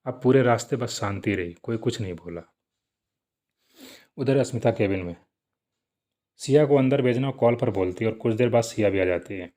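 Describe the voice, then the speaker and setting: A man reading a serialized story aloud in plain, steady narration with small asides. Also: mid-range voice, moderate pace, pauses often.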